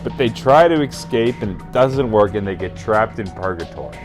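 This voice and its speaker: A man's voice: lowish voice, animated, normal speed, over music. A very drunk man rambling through a casual comedic retelling as host, emphatic and profane, often losing track and correcting himself. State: very drunk, burping. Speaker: host retelling a video game storyline.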